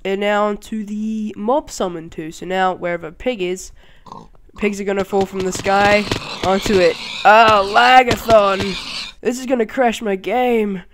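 An excitable host talks through a game tutorial in a loose, chatty way, often breaking into laughter and startled exclamations. The talk rambles and is full of fillers. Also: mid-range voice, normal speed. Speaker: channel host. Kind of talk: casual game tutorial commentary.

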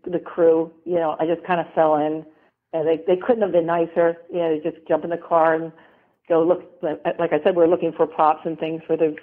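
A middle-aged woman, a former model, chatting as an interview guest, rambling and laughing often. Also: fairly low pitch. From American South. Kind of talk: casual interview talk. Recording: tinny phone-line sound.

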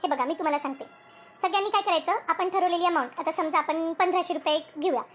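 Cartoon lead: a bossy, talkative village woman voiced by a woman, very high and quick. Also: a bit bright. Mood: explaining. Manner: explains at length, bossy. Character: bossy chatty village woman, group leader. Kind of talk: cartoon voice acting.

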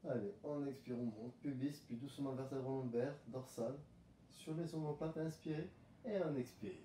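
Recorded on a distant camera mic in a roomy home space with a little hiss or hum, a man calmly instructs a pilates class. He counts breaths and calls out movements at a normal speed in a medium-pitched voice.

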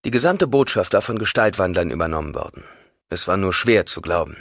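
Brief: male audiobook narrator, calm, deep, lively intonation, dry close recording. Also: a little fast, no room sound. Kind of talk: scripted narration.

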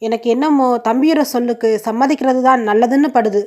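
Brief: woman reading a blunt middle-aged aunt, frank, high-pitched. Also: fairly quick, a little mellow, natural voice.

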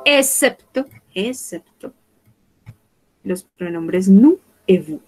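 Slow, careful French teacher woman. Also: medium pitch, expressive, noisy background. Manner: slow, careful, repeating words for students. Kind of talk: bilingual online class, French and Spanish.

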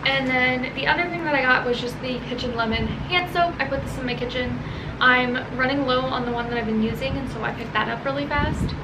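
High-pitched young American woman vlogging over fan noise. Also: brisk. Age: young adult. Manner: chatty, informal. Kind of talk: casual vlog chat. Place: small bedroom and home kitchen, indoors. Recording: steady fan noise behind home recording. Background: whirring room fan.

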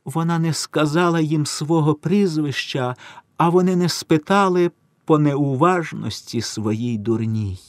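A man's voice: a little high, unhurried, no room sound. Solemn male storyteller, dry close voice. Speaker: narrator. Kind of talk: literary story reading.

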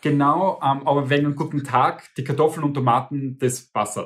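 A man's voice: on the high side, brisk. A man with a Viennese Austrian accent, chatting casually and laughing often as he compares words. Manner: laughs often, relaxed and playful. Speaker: co-host. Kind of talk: casual chat.

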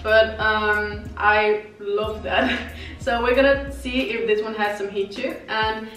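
A woman's voice: mid-range voice, steady tone, slow, fairly bright tone, far from the mic, soft background music. Chatty young woman, echoey room. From Vienna. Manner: chatty, giggly, tastes food while talking. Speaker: vlogger reviewing vegan food. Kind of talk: casual food review. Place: living room with wicker sofa, indoors. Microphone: far camera.

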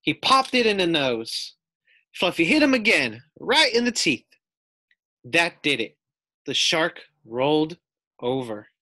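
Slow and pausing often, a man with an American accent gives an expressive read-aloud of a children's story, quizzing his young listeners like a teacher would. His high-leaning voice is very animated, bright and forceful, and the recording is dry.

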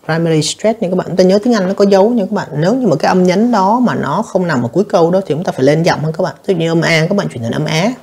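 A male teacher walks students through an exam review lesson. His voice is husky and a bit gravelly, and he speaks fast. He keeps explaining and turning to his listeners as he goes. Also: sits high, expressive, darkish tone. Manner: explanatory, addresses students repeatedly, frequent fillers. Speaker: English teacher.

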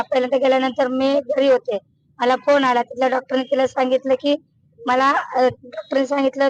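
High voiced lady telling her story, keeps restarting words, pretty flat tone. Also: lo-fi sound. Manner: halting and repetitive, restarts words; colloquial Marathi speech. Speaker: mother of a deceased patient. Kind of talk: emotional testimony to a reporter.

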